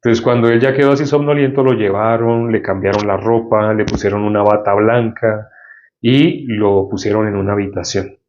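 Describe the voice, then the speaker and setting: A man preaching, telling a story in an animated way and acting out the voices of the people in it. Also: fairly low pitch, normal speed, a little hiss or hum. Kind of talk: sermon storytelling. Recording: dull lo-fi recording.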